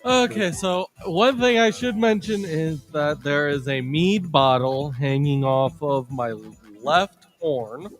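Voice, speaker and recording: A man's voice: fairly high pitch, slow pace, few pauses, faint music behind. A man chatting casually as a player in a tabletop game, describing his character.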